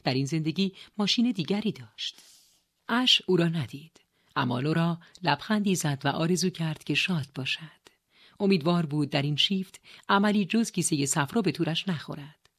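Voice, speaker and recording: A woman narrating an audiobook in a steady, measured reading style. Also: low-pitched. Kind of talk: scripted narration.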